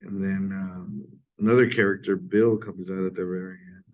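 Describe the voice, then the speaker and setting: This informal literature lecture comes from a man whose low, slightly mellow voice stays level. A sore throat leaves him hoarse and losing his voice, so he speaks haltingly and keeps clearing his throat.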